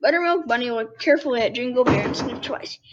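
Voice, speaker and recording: Music plays beneath a young host, a girl about ten, who reads storybooks aloud and keeps cutting in with candid, casual remarks. Her female voice is on the high side, expressive and fast, and the recording sounds dull and lo-fi with faint noise.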